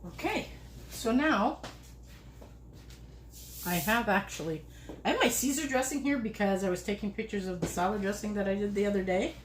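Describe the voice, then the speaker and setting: A woman chats her way through a home cooking livestream, rambling loosely and laughing between steps. Her voice sits at a middling pitch and carries the echo of a hard-surfaced kitchen. A faint hum of noise runs underneath. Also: normal speed, pauses often. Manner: chatty, rambling, laughs often. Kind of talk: casual cooking livestream chat.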